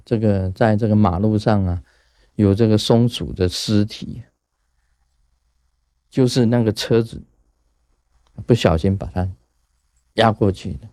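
A man from Taiwan, giving a casual Buddhist talk in a lively storytelling way and chuckling at his own jokes. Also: medium pitch, no echo, studio quality. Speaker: Buddhist teacher.

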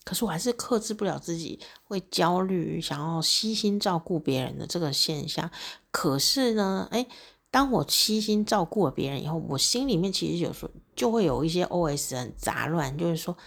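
A woman's voice: on the low side, animated, normal speed, vocal fry. A woman hosting a podcast, telling personal stories in a chatty way, laughing often and acting out little conversations. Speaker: podcast host. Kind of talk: personal reflective monologue.

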